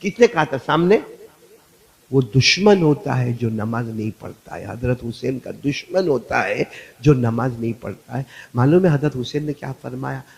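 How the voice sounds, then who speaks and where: A man preaching a dramatic, emotional sermon, dropping to a hush and rising to shouts as he tells the story and calls on the crowd to answer. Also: medium pitch, moderate pace, vocal fry, slightly rough, rough recording. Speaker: Islamic preacher.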